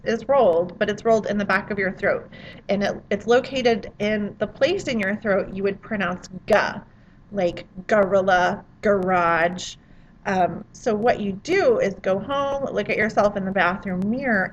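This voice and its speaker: A woman's voice: mid-range voice, dull audio, a little hiss or hum. A woman French teacher giving a friendly, chatty pronunciation lesson to students.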